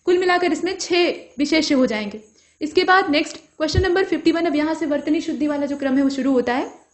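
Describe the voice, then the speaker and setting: A woman's voice: sits high, fast talker. A woman teaching Hindi grammar for an exam, working through each answer step by step and checking in with her students as she goes. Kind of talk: explanatory lesson.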